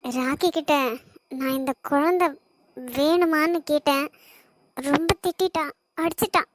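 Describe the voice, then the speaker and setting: A woman voicing a distressed young pregnant wife in an animated family drama, speaking through tears with a Kanyakumari Tamil accent. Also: high-pitched, unhurried, noisy background. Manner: pleading, sorrowful. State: crying.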